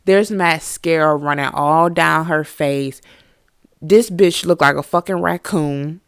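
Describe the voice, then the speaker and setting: A woman hosting a podcast and telling a storytime tale in an animated, swearing, filler-packed way. Her voice sits on the low side. The recording is dry, with no room sound around it. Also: slow pace, clean tone, no echo. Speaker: podcast host. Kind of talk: casual storytime monologue.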